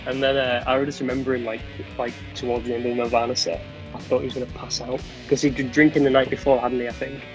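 A man chats loosely about playing gigs with his band. He rambles, restarts and laughs often. Clear guitar music plays underneath him. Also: medium pitch, level tone, fast talker. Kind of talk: casual chat.

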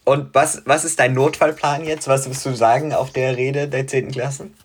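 Teenage boy, husky, mid pitch, halting casual talker. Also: flat delivery. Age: teens. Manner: hesitant, many fillers and pauses. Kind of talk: casual chat.

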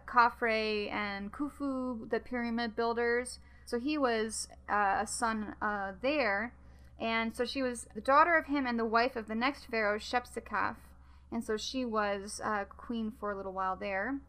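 A woman hosting a podcast in a casual, chatty way, often laughing and filling pauses with ums and uhs. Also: a little high, fairly bright tone. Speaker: podcast host. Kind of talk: casual chat.

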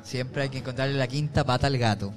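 A man's voice: medium pitch, fast talker, soft background music. Playful man hosting a live show. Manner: playful, teasing, reads audience notes aloud. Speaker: podcast co-host. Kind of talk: live podcast show banter. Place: live venue with audience.

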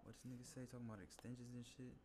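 A man's voice: mid-range voice, little pitch movement, very fast, mellow, a little hiss or hum. A man in casual gaming banter, loose and joking. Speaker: gamer.

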